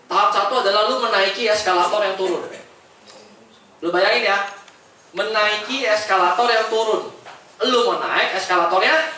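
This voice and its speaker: Motivational speaker, male, high and bright voice, echoing hall mic. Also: normal speed, pauses often, a little hiss or hum. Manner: energetic, keeps asking the crowd "right, friends?"; casual Jakarta slang. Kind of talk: motivational talk to an audience. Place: large echoey event hall. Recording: echoey hall, far-off mic.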